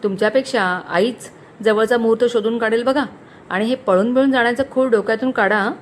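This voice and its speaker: A woman's voice: fairly high pitch, normal speed, slight background noise, close to an everyday voice. A woman voicing a shy young bride-to-be who scolds her fiancé half in jest. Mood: scolding. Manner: mock-scolding, bashful.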